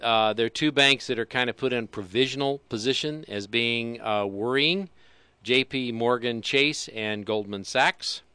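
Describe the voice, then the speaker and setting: A man's voice: medium pitch, unhurried, pushed and bright, clean tone, no echo. A man co-hosting a casual finance talk show, rambling and dryly sarcastic. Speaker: co-host.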